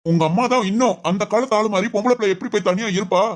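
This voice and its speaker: A woman playing a gentle, encouraging middle-aged father in an amateur family drama, speaking in a fast, soothing way. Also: mid-range voice, close to an everyday voice. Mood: reassuring.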